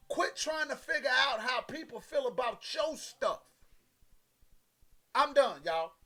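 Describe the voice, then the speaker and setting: Very high-voiced man preaching emphatically. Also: a bit bright. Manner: emphatic, repetitive preaching with direct address to listeners; conversational, folksy phrasing. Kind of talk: motivational sermon.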